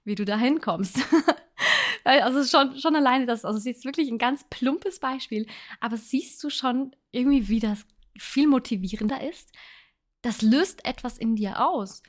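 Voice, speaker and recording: A woman's voice: sits high, animated, normal speed. A woman talking casually on her self-help podcast, thinking aloud and giving earnest advice. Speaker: podcast host.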